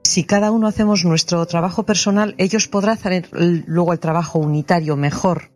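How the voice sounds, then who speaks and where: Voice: mid-range voice, fairly even intonation, a little fast, a little mellow, faint music behind. A speaker joins a spiritual discussion and puts forward ideas tentatively, often ending with a question.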